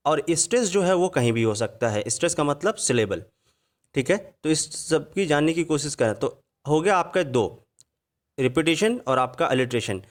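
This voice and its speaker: A man teaching English grammar in Hindi over slides, reading out the English examples slowly and word by word. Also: a little high, lively intonation. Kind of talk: online grammar lesson.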